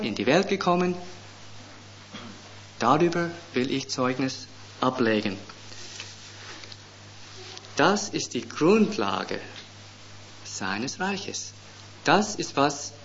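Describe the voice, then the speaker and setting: A middle-aged man delivers a sermon at a very slow, measured pace, his slightly raised voice climbing sharply on the words he wants to land. The recording is dull and lo-fi, with a faint noise underneath. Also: fairly high pitch. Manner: slow and deliberate, with emphatic rises on key words. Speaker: preacher.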